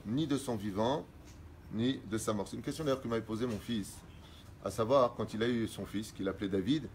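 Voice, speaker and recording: Middle-aged rabbi teaching religious law. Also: male voice, mid-range voice, a little hiss or hum. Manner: reads Hebrew sources quickly, then explains in French.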